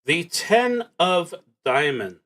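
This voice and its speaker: A fairly high-pitched man whose voice swings widely in pitch thinks out loud, haltingly and musingly, as he plays a solo tabletop RPG on stream. He reads the game's prompts aloud as he goes.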